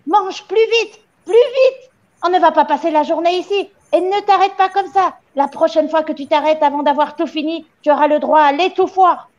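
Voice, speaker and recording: A woman reader voicing a furious, tyrannical headmistress who screams high, harsh orders at a child in a storybook reading. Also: moderate pace. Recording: dull lo-fi audio.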